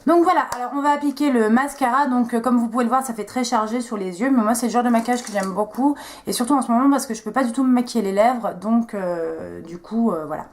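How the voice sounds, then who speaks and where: A woman's voice: on the high side, fast talker, few pauses. A young woman chatting casually as she talks viewers through a makeup tutorial, joking at her own expense. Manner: chatty, self-mocking, talks viewers through each step. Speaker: beauty vlogger.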